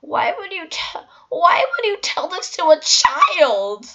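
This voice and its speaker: Shrill furious mom, screeching well above the reader's own voice, as a woman puts her on; dull lo-fi audio. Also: very animated, slow pace, bright, forceful tone, heavily acted. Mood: accusing. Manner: screeching, indignant. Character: shrill, angry young mother who screams accusations.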